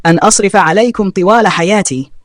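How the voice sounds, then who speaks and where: A young brother who answers his family with cold scorn, curt and dismissive, read by a male storyteller. The voice sits fairly high. It is recorded close and dry, with no room sound. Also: fast talker, no echo, close to an everyday voice. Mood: scornful.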